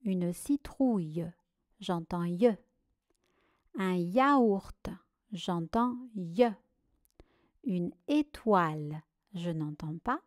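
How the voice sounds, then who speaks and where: Female teacher, slow deliberate dictation for children, dry sound. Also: fairly low pitch, expressive, no room sound. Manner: slow, carefully articulated syllables.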